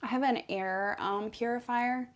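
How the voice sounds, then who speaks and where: A woman's voice: a little high, steady tone, a little slow, a little hiss or hum. A woman chatting casually for ASMR while brushing a cat, rambling playfully and slipping into affectionate talk to her pet. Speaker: vlogger making ASMR videos. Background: cat purring.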